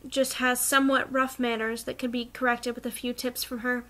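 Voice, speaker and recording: Bright-voiced woman reading a novel aloud. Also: fairly high pitch, level tone, normal speed. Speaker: reader.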